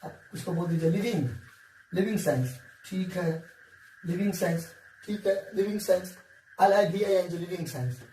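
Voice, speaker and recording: High-voiced teacher in an echoey room. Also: male voice, normal speed, warm tone. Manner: repetitive, coaxing, keeps checking with "ठीक है". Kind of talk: whiteboard science lesson. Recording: echoey room, distant mic, faint hiss.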